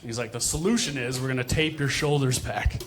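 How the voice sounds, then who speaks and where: A man's voice: mid-range voice, brisk. A man doing self-deprecating stand-up comedy in a conversational way, acting out dialogue, with crowd laughter. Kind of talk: stand-up comedy storytelling to a live audience. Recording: noisy live comedy show, audience laughter.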